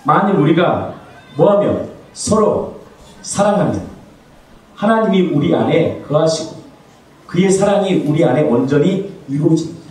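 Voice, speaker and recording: Male pastor, high lively voice, preaching in an echoey church from a distance off the mic. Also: moderate pace, pauses often. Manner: asks the congregation questions and answers them; swings between soft low asides and raised exclamations. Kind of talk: sermon. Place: church sanctuary.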